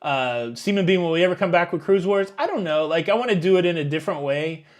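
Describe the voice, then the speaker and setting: This man in his fifties hosts a YouTube cruise channel and is reading viewer questions from super chats on a live stream. His voice is a little high with lively intonation, and he talks fast. His answers are chatty, rambling and full of fillers.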